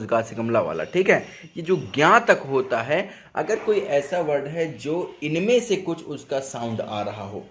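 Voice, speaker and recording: A man teaching a spoken English lesson from home. He explains step by step, asks questions and answers them himself, and stretches words out slowly to show their sounds. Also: fairly high pitch, a little hiss or hum. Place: at home, in a residential neighbourhood.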